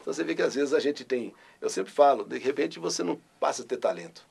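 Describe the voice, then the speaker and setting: Gravelly older Brazilian radio man. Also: mid-range voice, quick pace. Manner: animated, bursts into his catchphrase. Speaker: radio host. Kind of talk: interview recollection.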